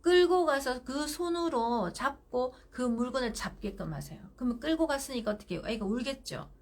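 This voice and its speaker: A middle-aged woman giving parenting advice on a live stream, firm and animated, acting out what mother and child say. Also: sits high, moderate pace. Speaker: parenting counselor.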